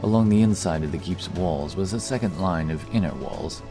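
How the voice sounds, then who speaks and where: In a low-pitched voice at normal speed, a man reads a fantasy audiobook as scripted storytelling, with music clearly present behind him.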